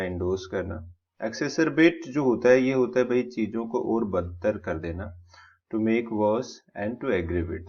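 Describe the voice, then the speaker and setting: A man teaching exam vocabulary, explaining words step by step and listing their synonyms. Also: on the low side. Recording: slightly dull lo-fi sound.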